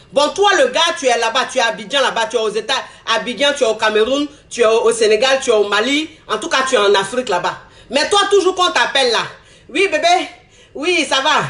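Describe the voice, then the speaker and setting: A man with an Ivorian French accent, congested from a cold, giving animated, repetitive relationship advice in casual street slang to his viewers. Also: very high-pitched. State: congested with a cold, throat-clearing.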